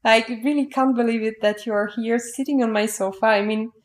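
A woman hosts a relaxed podcast chat from her sofa at home. She talks in a bubbly way, laughs often, and her phrasing is slightly non-native. Her voice sits fairly high. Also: fairly quick, reverberant. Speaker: podcast host. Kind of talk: casual chat. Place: living room at home.

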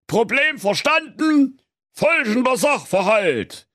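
A man voicing a pompous, greedy fairy-tale king making brisk official announcements. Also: very high-pitched, big pitch swings, a bit bright, no room sound, studio quality, pitched above the performer's own voice, full character voice.

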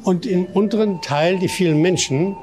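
Older man, city tour guide, rambling anecdotes, slightly high voice, outdoors, street music behind. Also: normal speed, a little mellow. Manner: chatty, rambling, many "ja, ja" fillers. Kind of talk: anecdotal storytelling on a walking tour.

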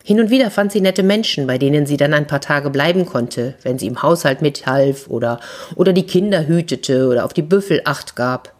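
A woman storyteller narrates a children's fairy tale in a low, slightly husky voice. She is expressive and takes slow, dramatic pauses.

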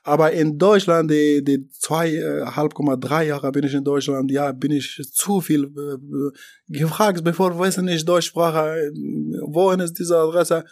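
Afghan guy in an interview, fairly high voice, stumbling broken german, lots of uhs. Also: little pitch movement, darkish tone. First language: not German. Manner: halting, broken German with many fillers and restarts. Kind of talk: interview about his deportation.

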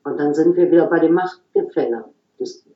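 A woman talking calmly and reflectively as an interview guest, explaining her work at an unhurried, thoughtful pace. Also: sits low, echoey room, highs cut off. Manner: calm, explanatory, frequent "so" pauses. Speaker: guest, regression therapist.

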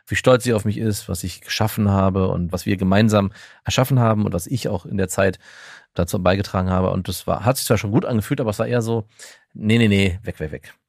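A man's voice: lowish voice, fast talker, gravelly, a little mellow, dry recording, studio quality. A middle-aged man talking candidly in a casual podcast chat, reflective and often restarting his sentences. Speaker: podcast co-host.

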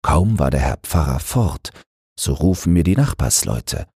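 A man's voice: very animated, a little slow, darkish tone, no echo, clean studio sound, heavily acted. An actor playing a poor, pious river boatman telling his tale in a storybook reading. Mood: earnest. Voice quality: deep, gravelly.

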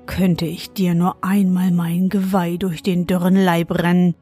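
A woman voicing a resentful male stag in a spoken fairy tale, keeping close to her own calm reading voice. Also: on the low side, measured pace, slightly rough, faint music behind. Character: angry male stag wishing harm on a witch.

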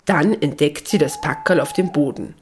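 A woman narrating a children's Christmas story in a calm, gentle way. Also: sits low, moderate pace, a little hiss or hum.

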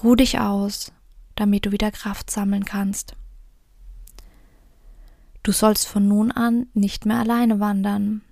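Sweet little old lady from a fairy tale, comforting, tender half-whisper, slow n a bit gravelly, woman reading. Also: medium pitch, level tone, no echo, clean studio sound. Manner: gentle, tender, partly whispered. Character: kind little old woman who is Hope, gentle and comforting.

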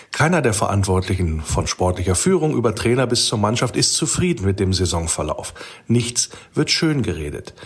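A man's voice: fairly low pitch, slightly rough. A man reading out a scripted, critical and analytical commentary for a fan podcast.

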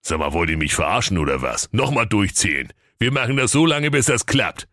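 A man's voice: low voice, a bit bright, dry recording, studio quality. A man voicing a dim, clumsy bear who stumbles over his words, in a comic storybook reading. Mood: bumbling. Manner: slow, bumbling, hesitant with many ums.

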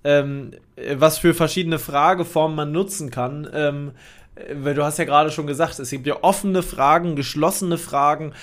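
A man's voice: a little high, moderate pace, a bit bright. A man co-hosting a casual podcast chat, talking loosely with frequent laughs and fillers. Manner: chatty, laughs often, many fillers. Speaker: podcast co-host.

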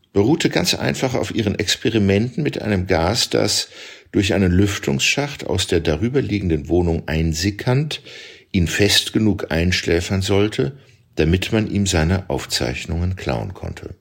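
Male audiobook narrator, very low voice, husky, lively intonation. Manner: measured, expressive storytelling. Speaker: audiobook reader.

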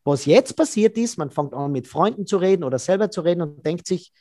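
A man, a body language expert being interviewed, who explains in a lively way and acts out quoted dialogue. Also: high voice, brisk, no echo, clean studio sound.

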